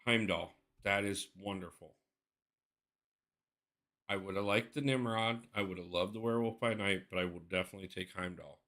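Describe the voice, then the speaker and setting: A man's voice: on the low side, normal speed, sharp tone. A man live-streaming a mobile game, chatting casually, thinking aloud and greeting his viewers by name.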